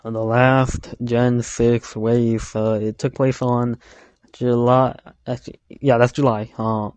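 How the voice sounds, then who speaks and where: A man's voice: medium pitch, little pitch movement, slow, darkish tone, smooth, no echo. A young man talking about his racing league, hesitant and full of ums and restarts. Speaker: league member. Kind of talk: casual chat.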